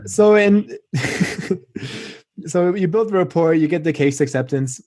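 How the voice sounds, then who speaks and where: A man's voice: fairly high pitch, lively intonation, slow pace, darkish tone, dry recording, studio quality. A male podcast host who is himself a dentist, laughing easily and asking long questions full of "like"s. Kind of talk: podcast interview.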